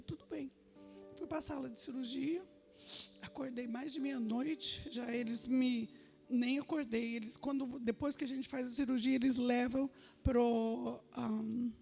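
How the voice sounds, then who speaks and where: Woman giving church testimony, high gravelly voice, earnest storyteller. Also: a little mellow. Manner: earnest storytelling, quoting others in her own voice. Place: church sanctuary.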